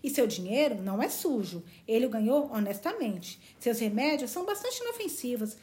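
A woman's voice: a little high, sing-song, fairly quick, warm tone. A woman reading the lines of an ardent, blunt young man from a novel. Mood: fond.

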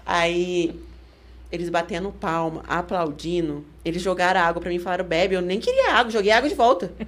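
A woman with a Brazilian Portuguese accent, a guest on a studio podcast, telling a story with energy and acting out the shouts of others. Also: fairly low pitch, lively intonation, a little fast. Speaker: guest fighter. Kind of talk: casual podcast interview.

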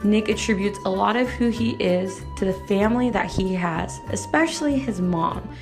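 An upbeat, chatty woman hosts a podcast interview. Her voice sits at a middle pitch, and faint music plays behind her. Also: normal speed. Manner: upbeat, chatty, laughs easily. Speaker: podcast host.

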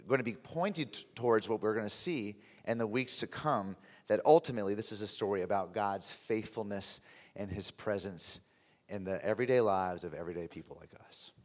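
A man preaching a conversational sermon in a deep, under-the-weather voice, with halting, emphatic phrasing. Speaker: pastor. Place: large reverberant room, preaching to a congregation. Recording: reverberant hall sound.

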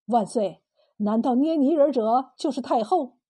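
A woman's voice: high voice, measured pace, mellow, husky. A woman voicing a deferential male prince addressing the emperor respectfully.

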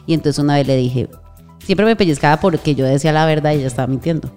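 A woman's voice: low-pitched, long reverb tail, faint music behind. A woman chatting casually on a podcast, telling an anecdote expressively. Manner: expressive storyteller, quick reactions. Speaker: podcast co-host. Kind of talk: casual chat.

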